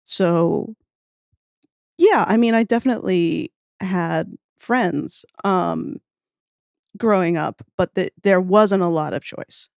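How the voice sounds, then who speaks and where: An American woman from New Orleans, an audio fiction writer, chats casually and reminisces as a podcast guest, her manner informal, self-deprecating and hedging. Her fairly low voice is slow, a little mellow, with vocal fry. The studio-quality recording is clean with no echo.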